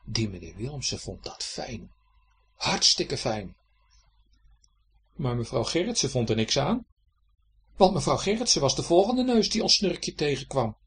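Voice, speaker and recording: A storyteller reading a children's story aloud in a lively, expressive way, speaking directly to the young listener. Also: medium pitch, unhurried, long pauses, slightly rough.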